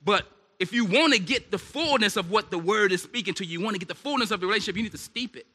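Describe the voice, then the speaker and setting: A man preaching at a church service in an animated, conversational way, throwing questions out to the congregation. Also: high-pitched, fast talker, slightly rough. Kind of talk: sermon. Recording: echoey hall reverb.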